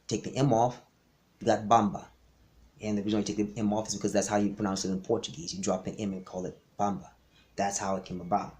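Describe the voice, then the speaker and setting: A man's voice: medium pitch, darkish tone. A man gives a history lecture straight to the camera in a mid-range voice. He talks emphatically and insistently, and he often doubles back on his words. He sounds like an instructor correcting his students. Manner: emphatic, insistent, frequent restarts. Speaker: martial arts instructor.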